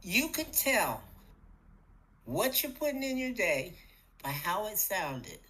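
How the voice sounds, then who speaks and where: A middle-aged woman hosting a spiritual podcast, talking in a casual, animated way, acting out little voices and laughing often. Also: mid-range voice, slow, rough recording. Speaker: podcast host.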